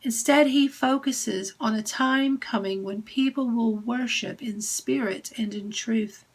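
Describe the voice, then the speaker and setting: An English woman minister giving a gentle, deliberate recorded sermon message. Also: on the high side, breathy edge, poor audio.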